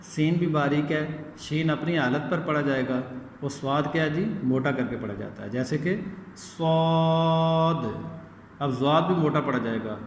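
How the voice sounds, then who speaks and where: A man teaching young children to read Quranic letters, patiently checking in and drawing out each letter sound in a chanted recitation. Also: on the high side. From Pakistan. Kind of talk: recorded lesson for young children. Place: echoey school room. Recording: echoey room with long reverb, faint hiss.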